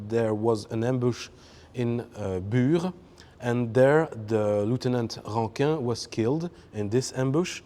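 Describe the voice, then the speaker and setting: Slow, halting man explaining a jeep. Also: mid-range voice, dark tone. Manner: halting, searching for words with many fillers. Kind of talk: explaining a vehicle exhibit.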